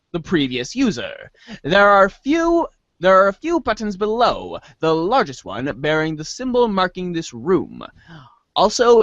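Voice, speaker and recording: Reading scripted narration dramatically for a webcomic reader's theater, this man has a high, fairly bright voice and occasionally trips over words and rereads them. The audio has no echo but sounds muffled.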